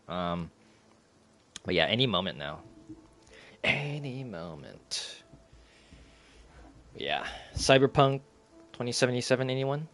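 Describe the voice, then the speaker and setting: Thirties male streamer, loose chatty talk, frequent laughs, fairly low pitch. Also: a bit bright. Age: 30s. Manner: rambling, laughs often, reads chat aloud. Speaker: live streamer. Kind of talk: casual live-stream chat.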